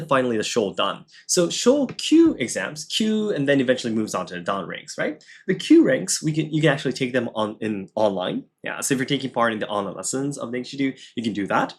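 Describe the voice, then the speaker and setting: A man explaining martial arts history in casual podcast chat, relaxed and self-deprecating, with many fillers and restarts. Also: medium pitch, a little fast, few pauses, slightly rough. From Japan.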